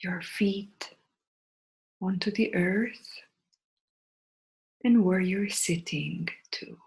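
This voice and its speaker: This is a guided meditation led by a woman whose calming, breathy voice often drops to near a whisper, leaving long silences between brief phrases. Her voice is mid-range, and the recording is rough.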